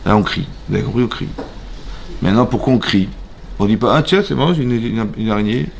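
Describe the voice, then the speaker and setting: A man with a French accent, a rabbi giving an animated Torah class in a synagogue, questioning his listeners and acting out voices. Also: lowish voice, fast talker, gravelly, slight background noise. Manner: animated, asks the audience questions, acts out voices. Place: synagogue hall.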